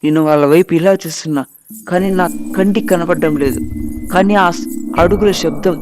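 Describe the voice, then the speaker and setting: A man's voice: sits high, normal speed, over music. A man narrating a first-person Telugu ghost story, dramatic and quoting his family as he goes.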